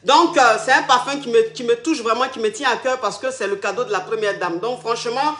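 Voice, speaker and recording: A high, bright-voiced woman holds court as a comic advice coach, flamboyant and teasing. The room around her rings with echo. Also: brisk, a little hiss or hum. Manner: flamboyant, teasing, calls everyone darling. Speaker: comic agony-aunt coach. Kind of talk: comic phone-in advice sketch.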